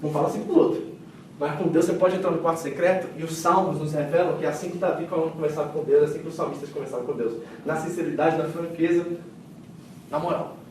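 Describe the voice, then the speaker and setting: A high-voiced man preaches, telling the story with vivid acted-out quotes and swinging from loud to hushed. His voice rings through a large echoing church hall, picked up from some distance with faint room ambience behind. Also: fairly even intonation, quick pace, a little hiss or hum. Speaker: pastor. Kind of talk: sermon. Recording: echoey hall miked from a distance.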